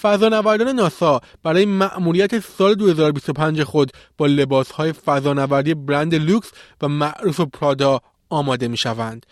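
A man's voice: fairly high pitch, steady tone, no room sound. A man presenting technology news in a scripted reading style, close to the microphone.

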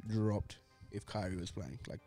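A man's voice: fairly low pitch, measured pace, mellow, faint music behind. Laid-back man chatting basketball. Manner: laid-back, laughing, slangy banter. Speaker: podcast co-host. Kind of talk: casual basketball chat.

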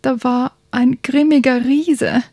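A squeaky little prince who always needs the toilet, put on by a woman reading a storybook aloud. The voice sits high and plaintive with a slightly husky texture, recorded close and dry. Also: steady tone, slow pace, mellow, no echo, heavily acted. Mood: urgent whining. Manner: high, pleading and small. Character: whiny little boy prince desperate to pee.

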